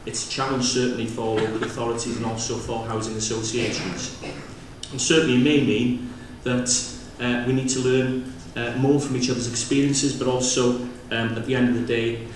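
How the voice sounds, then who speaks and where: A man with a Welsh accent giving a semi-improvised opening speech at a conference, with a hesitant, halting delivery. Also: mid-range voice, level tone. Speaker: conference opening speaker, local government representative. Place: large indoor conference venue. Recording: distant, very echoey hall with clear noise.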